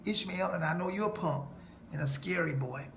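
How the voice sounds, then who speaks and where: A man's voice: sits high, moderate pace, gravelly, fairly bright tone. A man delivering an emphatic preaching monologue to a listener, quoting scripture and laughing mockingly. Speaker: self-styled preacher. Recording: echoey room with faint noise.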